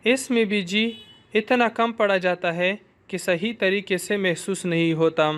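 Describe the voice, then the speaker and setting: A young man teaching a language lesson, slowly and patiently repeating each syllable several times for students to echo. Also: sits high, fairly even intonation, fairly bright tone. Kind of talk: pronunciation drill lesson.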